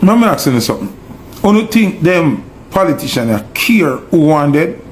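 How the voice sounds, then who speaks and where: A man's voice: a little high, big pitch swings, measured pace, slight background noise. A Jamaican man delivering a preachy, emphatic rant to camera, firing off repeated rhetorical questions. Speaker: online commentator. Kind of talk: ranting monologue.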